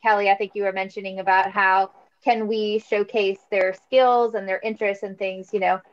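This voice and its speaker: A woman's voice: mid-range voice, flat delivery, normal speed. A woman teacher lays out a long, thoughtful point in a book discussion. Her voice sits in a middle range. The audio is dull and lo-fi.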